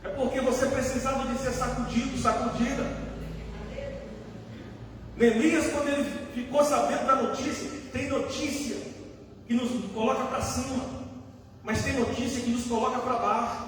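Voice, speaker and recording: A man's voice: very high-pitched, steady tone, moderate pace, long pauses, a little hiss or hum. A Brazilian man preaching a fervent sermon to a church, asking the crowd questions and answering them himself. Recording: echoey hall from a far-off mic.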